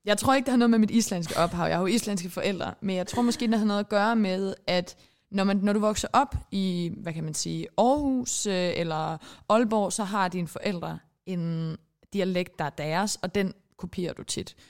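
A woman in her twenties from Denmark, Icelandic by first language, co-hosting a podcast in a rambling, giggly, self-mocking chat. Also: mid-range voice. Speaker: podcast co-host. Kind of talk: casual chat.

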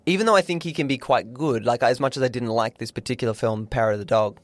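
Man, podcast co-host, casual film chat, frequent restarts, playful quoted voices, mid pitch, dry close recording. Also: fast, no room sound.

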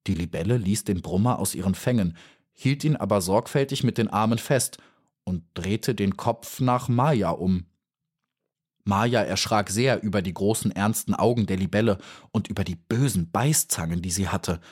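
A man reading a children's storybook as audiobook narrator, calm and measured. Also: on the low side, breathy edge.

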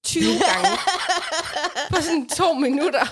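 A woman telling a funny everyday story in casual chat, animated and often laughing. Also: sits high.

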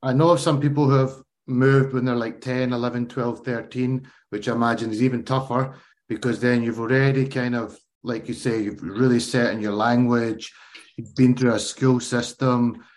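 A man's voice: mid-range voice, steady tone, moderate pace, darkish tone. A man hosting a casual interview, asking friendly, chatty questions and often restarting his phrases. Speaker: interview host.

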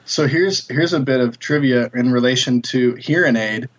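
A man's voice: medium pitch, moderate pace, dull audio. Man sharing band-tour trivia. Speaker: touring musician. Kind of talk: casual podcast chat.

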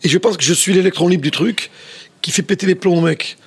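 A middle-aged chef from southwest France with a southwest French accent, telling stories in a rambling way with many restarts. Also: male voice, high-pitched, a little fast, creaky, breathy edge. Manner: rambling, many restarts, says "tu vois" often. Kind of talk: casual interview storytelling.

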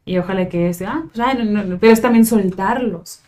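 As a guest on a casual podcast, a Mexican psychologist in her thirties talks expressively and leans on lots of fillers, with a Mexican Spanish accent. Her mellow, medium-pitched voice moves a little fast, and there's slight hiss or hum in the recording.

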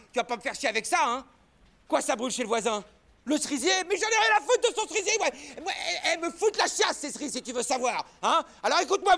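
A man playing a boastful, joking top salesman in a sitcom office scene, quick to turn crude and shout. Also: sits high, creaky, full character voice. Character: brash joking male salesman, loud and crude. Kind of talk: sitcom acting. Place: office by a coffee machine.

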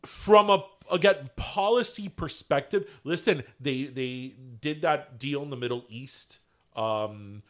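A podcast co-host with a Cuban American accent chats casually in a medium-pitched voice, taking it slowly. He's animated and slips Spanish phrases into his English.

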